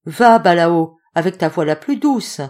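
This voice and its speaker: A woman reading an audiobook voices a kind young woman with a soft, musical voice. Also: on the low side, lively intonation, unhurried. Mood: gentle.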